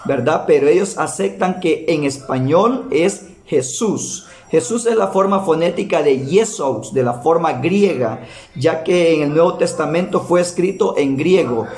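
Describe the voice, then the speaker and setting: A man preaches a Bible lesson at an unhurried, careful pace, in a fairly high voice. He repeats key words to drive each point home. His voice rings in a roomy, echoey space. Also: expressive, darkish tone. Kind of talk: Bible teaching sermon.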